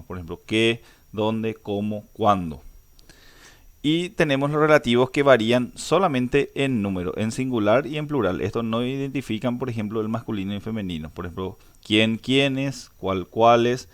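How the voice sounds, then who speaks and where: Man teaching a grammar lesson. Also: on the low side. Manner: explains step by step with frequent "eh" fillers and restarts. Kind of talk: recorded online grammar lesson.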